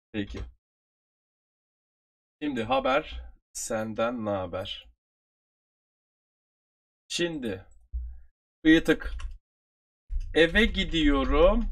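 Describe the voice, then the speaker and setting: Turkish guy teaching, slow and repeating stuff, gravelly voice that jumps all over. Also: on the high side. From Turkey. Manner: explains slowly, repeats phrases for learners. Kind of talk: online review lesson.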